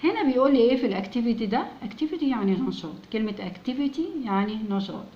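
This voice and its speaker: A woman with an Egyptian Arabic accent teaches children English, patiently repeating words slowly so they can echo them back. Her voice is on the high side and expressive. The audio is dull, with a little hiss or hum.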